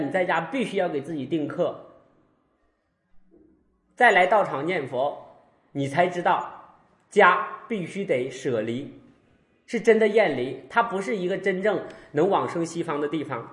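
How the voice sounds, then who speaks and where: A Buddhist monk giving a lively sermon, telling stories and acting out both sides of conversations with laughter. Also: male voice, sits high, echoey room. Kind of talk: dharma talk sermon.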